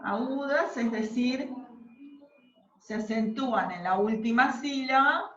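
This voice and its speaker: A woman's voice: fairly high pitch, slow. A woman teaching a class, patiently explaining step by step and often checking that the students follow. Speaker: literature teacher. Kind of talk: classroom lesson. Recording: roomy, distant, dull classroom recording.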